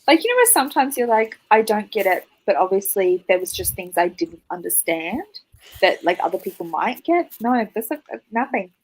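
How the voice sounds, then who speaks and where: Female guest, lively swooping pitch, blunt, curses casually. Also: normal speed, husky, low-quality recording. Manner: blunt and frank, swears freely. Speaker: guest reader. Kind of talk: casual livestream chat.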